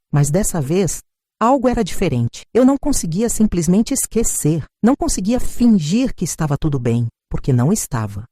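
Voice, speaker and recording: An older woman narrating her own story in a hurt, measured way. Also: low voice, warm tone, no room sound, clean studio sound. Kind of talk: scripted first-person narration.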